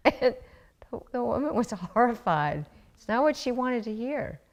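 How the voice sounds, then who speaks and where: A woman, an adoptive mother, telling a personal story in an interview in a reflective, measured way with pauses. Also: fairly high pitch, sing-song.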